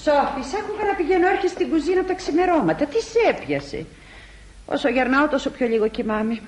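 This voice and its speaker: An actress playing a sharp-tongued older woman in a radio drama, talking in a brisk, scolding way. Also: high-pitched, expressive, over music. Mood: chatty.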